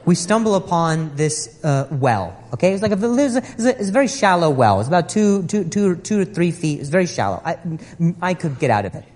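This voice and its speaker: A man performing stand-up with a sarcastic, exasperated edge, his voice rising and dropping in wide, animated swings. His pitch sits a little high for a man, and a faint murmur of ambience hangs in the background. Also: fairly quick, slight background noise. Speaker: stand-up comedian. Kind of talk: stand-up comedy routine.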